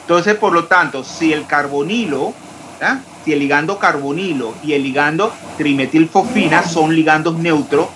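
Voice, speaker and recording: A man's voice: fairly high pitch, moderate pace, a bit bright, a little hiss or hum, poor audio. A man teaching a chemistry class, asking his students questions and spelling out formulas step by step. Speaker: chemistry lecturer. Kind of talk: online class lecture.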